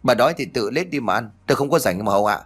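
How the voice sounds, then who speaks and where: A man's voice: mid-range voice, expressive, very fast, slightly rough. A man reading a storybook voices a cruel, contemptuous young daughter-in-law who snaps at everyone. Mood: scornful. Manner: snappish, contemptuous.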